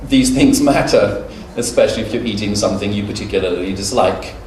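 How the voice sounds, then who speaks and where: With a fairly low, slightly mellow voice and a somewhat quick pace, a middle-aged Brit presents a conference lecture. He keeps it humorous and conversational, sprinkling in anecdotes and fillers. Echo from the conference hall, a far-off mic and faint noise mark the recording.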